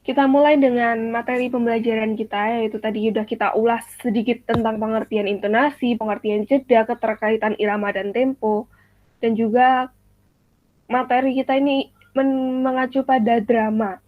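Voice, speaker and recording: A woman's voice: a little high, fairly even intonation, moderate pace, dry recording. A young woman teaching an online class as the teacher, explaining step by step and quizzing her students with examples. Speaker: teacher in a practice lesson. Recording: dry tinny call audio.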